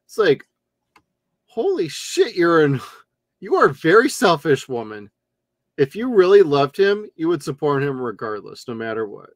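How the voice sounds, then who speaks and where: A man's voice: on the high side, sing-song, normal speed, no echo. A man co-hosting a casual film review chat, blunt and profane, often mimicking characters mockingly. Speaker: podcast co-host.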